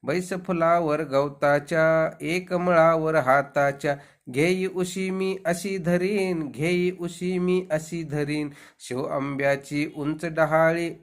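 Slow, melodic male storyteller. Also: a little high. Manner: melodic, rhythmic recitation. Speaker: storyteller and singer. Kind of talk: sung poem and rhymed storytelling.

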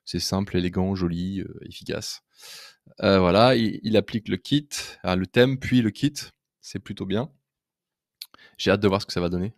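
A man giving a casual, enthusiastic screen-recorded software demo as a web design trainer, chatty and full of hesitant fillers. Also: deep voice, normal speed, no echo, clean studio sound.

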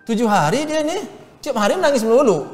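Middle-aged man telling a story haltingly. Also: very high voice, sing-song. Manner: halting, with many fillers and restarts. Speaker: interview guest. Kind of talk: casual storytelling interview. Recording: reverberant room with faint music.

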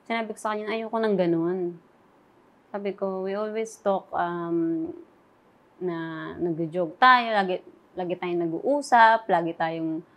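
A young woman speaks as an interview guest, recounting a personal story in a soft, earnest way. She often slips into quoting what was said to her. Her voice sits at a middle pitch. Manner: soft, recounting quoted dialogue.

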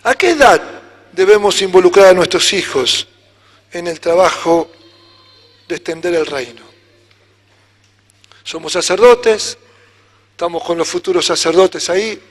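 Argentine pastor preaching, really high voice, lively, echoey church hall. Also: male voice, a little slow, long pauses. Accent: Argentine Spanish. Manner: animated preaching, acts out dialogues with children. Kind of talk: sermon.

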